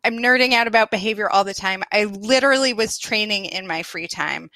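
Woman in her 30s chatting on a podcast, bright crisp voice, dry close sound, laughs a lot while she tells stories. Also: medium pitch, fairly quick, no echo. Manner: animated storyteller, laughs often, self-deprecating. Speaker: guest. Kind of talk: casual podcast conversation.

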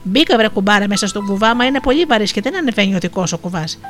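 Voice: mid-range voice, expressive, fairly bright tone, faint music behind, close to an everyday voice. A storyteller voicing a sly, cunning female fox, wheedling and moaning theatrically, in an Asia Minor Greek dialect.

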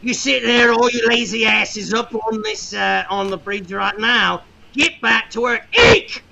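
A man voicing a harsh male pirate taskmaster with a whip, in a shrill, barking voice, in a tabletop game. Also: expressive, moderate pace, creaky, a bit bright, muffled recording. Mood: bellowing.

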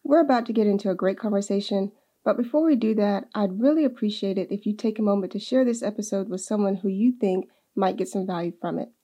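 A woman hosts a video podcast with a mellow, soft-edged voice. She is friendly and a little hesitant, smoothing her way into questions with small fillers. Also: mid-range voice, quick pace. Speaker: podcast host. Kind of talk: podcast hosting.

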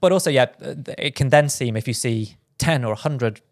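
British male podcast co-host, rapid delivery, dry close-mic sound, casual chat. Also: mid-range voice, no echo. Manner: quick, with frequent restarts and fillers.

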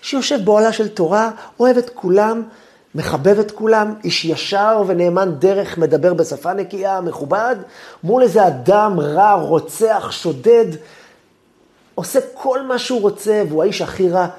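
Animated rabbi with lively swinging pitch. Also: male voice. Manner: animated, acts out angry inner voices; drops low and soft at phrase ends. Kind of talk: Torah lesson on the weekly portion.

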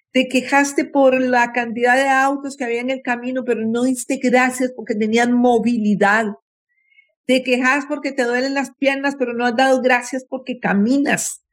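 A guest psychologist with a slightly high voice gives mental health advice in an interview. She speaks slowly and emphatically, acting out complaining voices.

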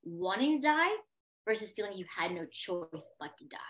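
A woman's voice: medium pitch, sing-song, brisk, fairly bright tone. A young adult woman, a podcast guest, telling a personal story with intense emphasis and repeated phrases.

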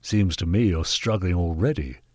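A low-voiced man reads a storybook at a moderate pace, recorded cleanly in a studio with no room sound. He plays a haughty, callous Victorian gentleman knight, a bullying and angry benefactor, in this dramatised audiobook. His delivery is pompous, forceful and contemptuous, with a cold, scornful mood.

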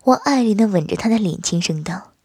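A woman narrating an audio story in a soft, hushed, breathy voice. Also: mid-range voice, animated, fairly quick, dry recording, studio quality.

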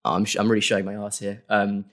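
A man's voice: fairly low pitch, completely flat delivery, quick pace. A young man talking casually as an interview guest, rambling with lots of fillers and restarts. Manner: rambling, many fillers and self-corrections. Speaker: guest creator.

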